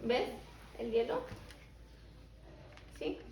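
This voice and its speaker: A preschool teacher with a fairly high, gravelly voice speaks extremely slowly and with great animation, leading a question-based lesson and reading a picture book aloud to young children. She prompts them with simple, repeated questions and phrases in an indoor classroom. The lo-fi recording sounds roomy, with a distant mic and faint background noise.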